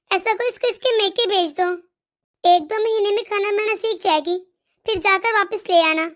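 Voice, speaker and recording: Woman voicing a very high fed-up young wife. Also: a bit bright. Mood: upset. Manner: complaining, pleading. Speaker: daughter-in-law. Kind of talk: animated moral story.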